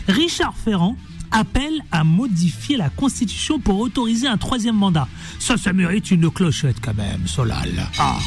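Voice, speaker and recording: High, lively French radio host. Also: male voice. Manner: animated, playful, jumps between topics. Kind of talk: lively radio show chat. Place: radio studio.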